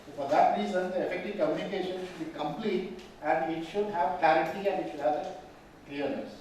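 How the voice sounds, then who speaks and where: This man's voice is high-pitched, a little mellow, and a little fast, picked up from a distance. He teaches a mediation class from Tamil Nadu, India, often questioning his listeners in lecture style. The big training hall echoes heavily, he stays off mic, and a faint room hum runs underneath.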